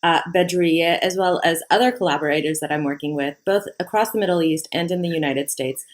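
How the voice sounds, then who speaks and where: A young woman, co-founder of the platform, speaks casually in a deep voice at a fairly quick pace. She's frank and passionate, and swears from time to time.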